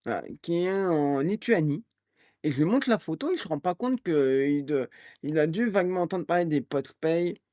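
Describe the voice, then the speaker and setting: Animated man telling a prank story. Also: on the high side, moderate pace, dry recording. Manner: animated, acts out quoted voices; rambling with restarts and fillers. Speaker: streamer. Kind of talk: casual storytelling on a live stream.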